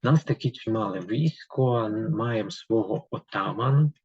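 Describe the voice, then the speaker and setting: A man's voice: lowish voice, measured pace, darkish tone, slightly rough, no echo. A man teaching a literature lesson who reads a poem aloud with emphasis and then explains it to pupils with many fillers. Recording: dull, lo-fi dry recording.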